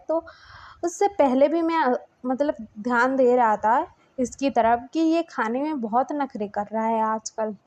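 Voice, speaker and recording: A woman's voice: a little high, a little mellow. A woman reading the lines of a cheeky, complaining young man in a story, in her own chatty voice.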